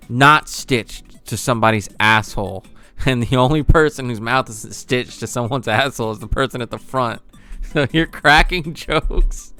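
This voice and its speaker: A man riffs sarcastically on memes for his channel, laughing often and swearing freely. His voice is bright and clean, with soft music playing underneath. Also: medium pitch, smooth. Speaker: channel host reacting to memes. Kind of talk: casual meme reaction commentary.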